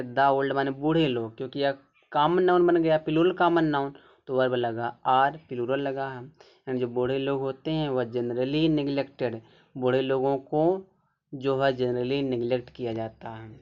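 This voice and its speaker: A man's voice: mid-range voice, steady tone, moderate pace, smooth, muffled recording. A man teaching English grammar, explaining step by step and answering his own questions. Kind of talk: explaining a grammar lesson in Hindi.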